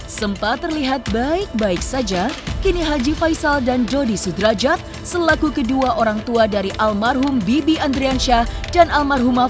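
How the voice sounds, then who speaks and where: A woman narrating a celebrity gossip news report in a steady, formal read. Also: on the high side. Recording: voice-over with background music.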